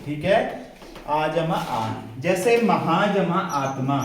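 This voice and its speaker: A man's voice: fairly high pitch, lively intonation, slow pace. A man teaching a grammar lesson to a class, often asking questions and repeating the answers himself. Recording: very echoey room, distant mic, faint noise.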